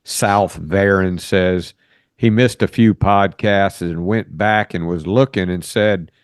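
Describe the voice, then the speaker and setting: Man, very deep voice, rambling podcast co-host, casual chat, dry close sound. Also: steady tone, slow pace, clean tone, no echo. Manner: rambling, many fillers and restarts.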